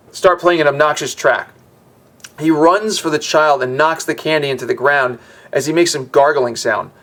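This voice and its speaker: A man hosting a gaming video, reading game lore aloud and breaking off for chatty, wry asides. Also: fairly high pitch.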